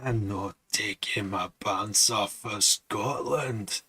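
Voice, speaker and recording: A man putting on a mock Scottish film character, delivering a quoted line slowly and stubbornly. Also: lowish voice, bright, forceful tone, slightly rough, heavily acted. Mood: defiant. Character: gruff Scotsman refusing, movie quote.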